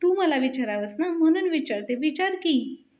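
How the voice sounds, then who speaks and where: A woman's voice: high-pitched, animated, moderate pace, a little mellow, pitched above the performer's own voice. A woman doing a sweet, lovesick young woman. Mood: doting.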